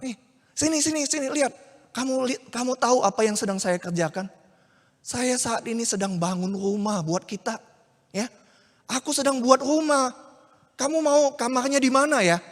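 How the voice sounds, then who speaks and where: A young carpenter who bursts out loud and exclaims every line , as a preacher plays him. The voice is pitched high and rings out with long reverb in a large hall. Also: male voice, moderate pace, long pauses. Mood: cheerful. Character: young male carpenter, eager then outraged.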